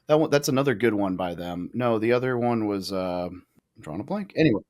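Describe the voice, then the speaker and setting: A man in his thirties, a podcast guest, talking in a casual, profane way with quick asides and restarts. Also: fairly low pitch, animated, a little mellow. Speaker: podcast guest, real estate investor. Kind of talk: casual conversational interview.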